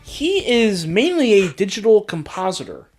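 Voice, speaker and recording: A man's voice: high voice, big pitch swings, moderate pace, darkish tone, a little hiss or hum. A man hosting a casual movie podcast, laughing often and explaining things with hesitant fillers. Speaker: podcast host.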